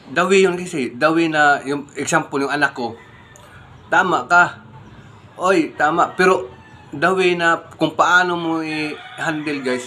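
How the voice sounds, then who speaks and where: Bright-voiced man vlogging casually. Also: medium pitch, a little hiss or hum. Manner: conversational, keeps saying "guys", rhetorical questions. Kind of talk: casual morning vlog talk.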